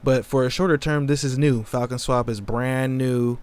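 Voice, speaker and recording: A man's voice: medium pitch, steady tone, moderate pace, a little mellow, clean tone. Laid-back man chatting on a livestream. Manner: laid-back, slangy, answers chat questions. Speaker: crypto livestream host. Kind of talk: casual livestream chat.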